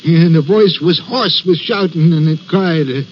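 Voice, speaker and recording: A man's voice: on the high side, a little hiss or hum, lightly acted. A man playing a stammering, haunted signalman. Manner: halting, stammering storyteller. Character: haunted, nervous railway signalman. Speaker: railway signalman. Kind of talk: 1940s radio acting. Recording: dull old radio recording.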